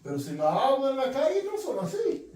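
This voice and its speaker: A man with a high voice preaches a sermon, earnest and direct, circling back over his own phrases. His pitch swoops wildly and his pace is brisk, with a darkish tone. He's captured from far off the mic in a very echoey room.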